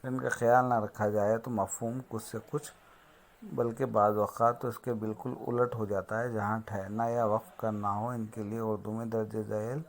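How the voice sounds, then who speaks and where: A man teaching Urdu punctuation from slides, listing each term slowly and deliberately. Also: lowish voice, flat delivery, a little hiss or hum. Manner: slow, listing terms one by one. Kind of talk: slide-based grammar lesson.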